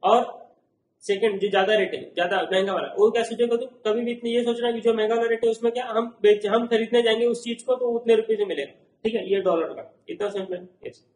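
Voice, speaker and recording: Indian-accented male lecturer, high voice, keeps asking the class questions, roomy echo. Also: fairly even intonation, brisk, a little mellow, slight background noise. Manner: explains with everyday examples, asks the class repeated check questions. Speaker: teacher.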